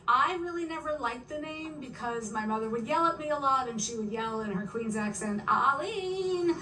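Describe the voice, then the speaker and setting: Older woman, a comic guest, animated storyteller who laughs a lot; fairly high voice, recorded from a distance in a roomy space. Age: about 70. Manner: animated, laughing, repeats words. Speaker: podcast guest, stand-up comic. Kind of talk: casual interview storytelling. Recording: roomy, distant mic, background noise.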